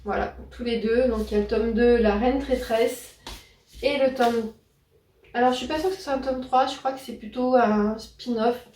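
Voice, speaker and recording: Here a woman hauls her new books on camera in a relaxed vlog, stumbling over fillers and fixing her own phrasing. Her pitch is fairly high, her tone steady and somewhat dark, her pace normal. The audio has a roomy, distant-mic quality.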